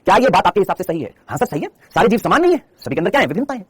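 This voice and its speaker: Male online biology tutor: very quick, animated, quizzes and teases his students by name, slightly husky, close and dry. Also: high-pitched, dry recording. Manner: asks students questions and answers them himself; teasing, calls students by name. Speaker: biology teacher. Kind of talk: online exam-prep lecture.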